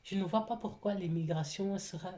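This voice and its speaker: A woman who speaks French with a foreign accent, telling her own story in a halting, hesitant way with many restarts. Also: mid-range voice, warm tone. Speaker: vlogger, single mother. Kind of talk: personal confessional talk.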